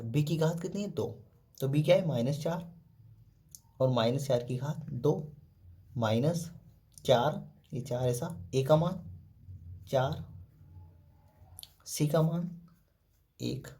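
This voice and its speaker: This math lesson comes from a man whose medium-pitched voice is gravelly yet warm. He breaks things down stepwise, answers the questions he raises, and keeps repeating "ठीक है" and "देखो".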